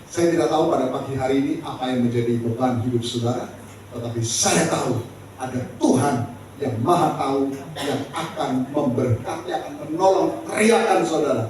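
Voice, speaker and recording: A man's voice: mid-range voice, normal speed, darkish tone, slight background noise. A man preaching a sermon as pastor, emphatic and calling out to the congregation. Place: church hall. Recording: echoey church hall, distant mic.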